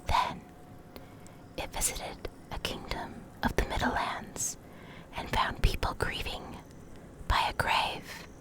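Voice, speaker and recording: Whispering softly and breathily into a Blue Yeti desktop mic held close, a woman reads game lore for an ASMR video. Her short phrases come slow and deliberate, separated by pauses, and the recording quality is low.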